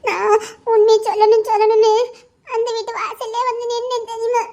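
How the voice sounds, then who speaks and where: A tearful young wife in a storybook drama, her voice pitched extremely high. She pleads through sobbing laughter, hurt and clinging. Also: little pitch movement, normal speed, darkish tone. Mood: tearful pleading.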